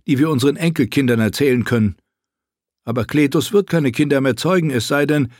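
Man doing earnest young prince, stubborn and pushy, higher voice, dry audiobook. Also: dry recording, natural voice. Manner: earnest, insistent. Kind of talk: audiobook character voice.

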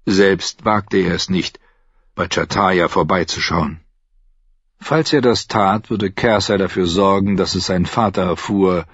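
Husky-voiced male audiobook narrator. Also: low voice, fairly bright tone, no echo, lo-fi sound. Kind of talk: scripted narration.

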